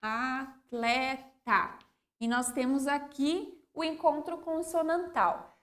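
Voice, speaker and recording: A female primary school teacher with a Brazilian accent, explaining a lesson clearly and sounding out words slowly, often checking in with "ok?" and "né?". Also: high voice, animated. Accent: Brazilian Portuguese. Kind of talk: slow, clear classroom explanation.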